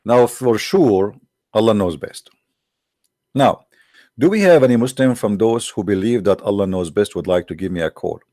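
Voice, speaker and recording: A man's voice: fairly low pitch, expressive, moderate pace, warm tone, no echo, studio quality. A man hosting a livestream, talking in a sarcastic, mocking way. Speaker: online show host. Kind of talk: livestream commentary.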